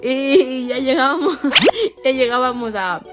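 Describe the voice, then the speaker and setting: A woman's voice: sits high, expressive, slow. A young woman telling a storytime vlog in a playful, slangy way, laughing at her own jokes. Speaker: vlogger. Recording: music playing behind.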